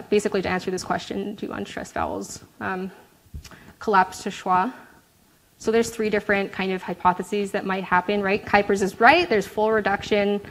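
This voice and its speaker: A woman's voice: mid-range voice, a bit bright, poor audio. A woman presenting her research in an academic talk, explaining in a chatty way with frequent fillers and tag questions. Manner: light laughs, self-deprecating asides. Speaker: graduate student presenter.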